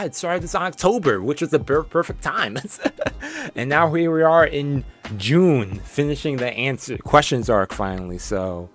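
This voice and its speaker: Streaming from his bedroom, a weary young man rambles through a casual sign-off, chuckling often as his voice gives out. He speaks at a medium pitch with a slightly bright tone.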